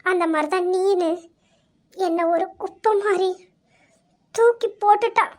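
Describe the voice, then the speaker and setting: Asha is a heartbroken young woman in an amateur audio drama, ashamed and full of self-blame, speaking in a very high, halting voice, as a woman acts her. She breaks off and restarts her lines as if close to tears. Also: a little mellow. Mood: tearful. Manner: tearful, halting, self-blaming. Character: young woman, ashamed and despairing after betrayal.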